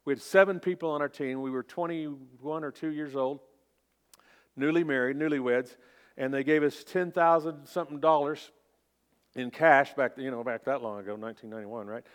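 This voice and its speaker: A man's voice: mid-range voice, moderate pace, clear, resonant tone. Folksy Oklahoma man preaching a sermon. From Oklahoma, United States. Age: 50s. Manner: folksy, informal, self-deprecating. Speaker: pastor.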